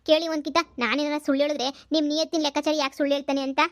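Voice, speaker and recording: Actress as an insistent cartoon village wife, high and quick, dry close mic. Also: female voice, level tone, dry recording, natural voice. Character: village landlord's pushy middle-aged wife, insistent.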